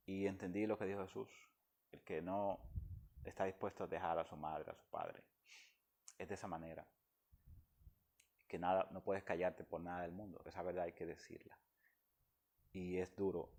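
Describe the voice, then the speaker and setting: A man's voice: sits low, vocal fry, darkish tone. A man from the Dominican Republic, speaking as a guest and giving an emotional personal testimony in an earnest, heartfelt way.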